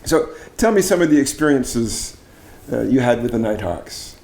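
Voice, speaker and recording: Male interviewer, mid-pitched and warm, casual, encouraging the guest along. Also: sing-song, moderate pace, slight background noise. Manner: friendly, prompting with short "wow" and "right".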